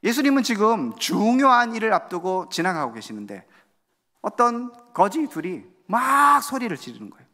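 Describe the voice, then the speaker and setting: Korean guy pastor preaching, high voice swinging up and down, big reverby church sound. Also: normal speed. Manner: lively preaching with rhetorical questions, acts out crowd voices. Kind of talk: sermon. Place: church sanctuary. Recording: long church hall reverb.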